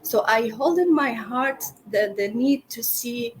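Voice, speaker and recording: A woman telling her own story casually, haltingly searching for words. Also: fairly high pitch, a little hiss or hum. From Middle East. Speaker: interview guest, boutique co-founder.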